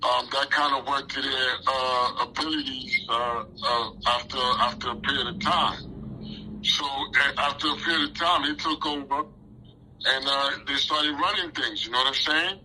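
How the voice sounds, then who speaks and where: A man's voice: mid-range voice, a little slow, pushed and bright, slight background noise, rough recording. A man in his forties, born in Haiti, answering interview questions in a casual, rambling way with lots of fillers and restarts. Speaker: interview guest.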